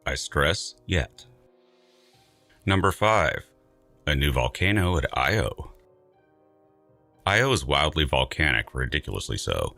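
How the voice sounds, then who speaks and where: A man reading scripted science narration in a measured, emphatic, dryly wry way. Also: very deep voice, very animated, gravelly, pushed and bright, no room sound, faint music behind.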